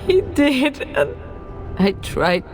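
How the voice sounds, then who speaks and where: A noble mother in a fantasy game, desperate and grieving over her son. She pleads slowly and emotionally in a fairly high voice. Soft music plays quietly behind her. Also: sing-song, exaggerated voice. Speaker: noblewoman character.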